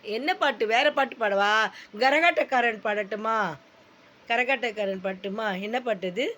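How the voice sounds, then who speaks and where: A woman's voice: on the high side, moderate pace, fairly bright tone, slight background noise. An older woman coaching a child in a casual, encouraging way in a home recording. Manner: encouraging, praising. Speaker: grandmother singing for a dancing child.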